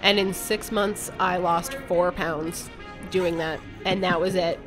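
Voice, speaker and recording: A woman's voice: fairly low pitch, steady tone, takes it slowly, over music. Blunt, candid woman telling her story. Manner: swears casually. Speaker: podcast guest. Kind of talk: telling a personal story in conversation.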